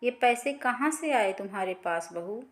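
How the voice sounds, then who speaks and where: A woman's voice: a little high, lively intonation, unhurried. A woman storyteller voicing a suspicious, scolding mother-in-law in a family tale.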